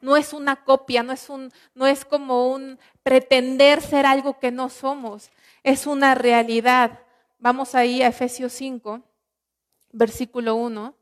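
High-voiced woman preaching a sermon. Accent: Mexican Spanish. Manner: earnest teaching, rhetorical questions, slows down on scripture.

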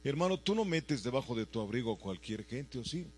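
A man preaching a sermon who keeps asking his congregation rhetorical questions, swinging between loud emphatic lines and quiet low ones. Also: very animated, fairly quick, slightly rough. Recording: faint mains hum behind the voice.

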